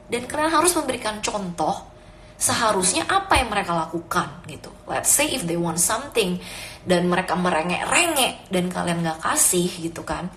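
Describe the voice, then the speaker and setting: A woman's voice: medium pitch, a bit bright, slight background noise. A young woman and mother giving casual, earnest parenting advice, mixing Indonesian and English as she talks. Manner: mixes Indonesian and English freely; earnest, advising. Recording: echoey room with faint ambience.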